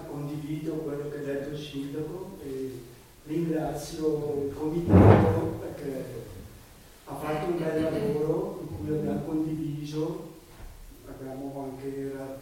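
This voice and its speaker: A man's voice: a little high, level tone, a little slow, warm tone. A man speaking briefly and formally as a councillor at a public meeting. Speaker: local councillor. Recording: very echoey room, distant mic, faint noise.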